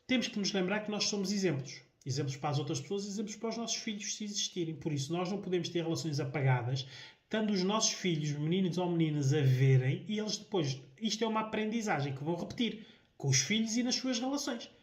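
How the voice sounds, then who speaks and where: A man's voice: sits high, lively intonation, fast talker. A man with a European Portuguese accent giving a solo talk on relationships, often hesitating, repeating words and asking "não é?". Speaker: host. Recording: echoey room.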